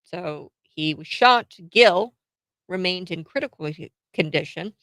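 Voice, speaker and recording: A woman hosts a morning talk radio show in a slightly low voice with noticeable vocal fry. She chats and comments in an opinionated way, throwing out exclamations and rhetorical questions. The sound is dry, with very little room in it. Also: animated, measured pace, a bit bright, dry recording.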